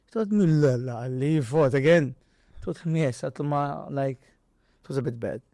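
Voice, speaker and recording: A Maltese man, a boxer and boxing trainer appearing as an interview guest, tells stories in a casual, animated way, acting out dialogue and impact sounds. He speaks non-native English with a Maltese accent. His voice is medium-pitched and warm at a normal speed, recorded with studio quality and no echo.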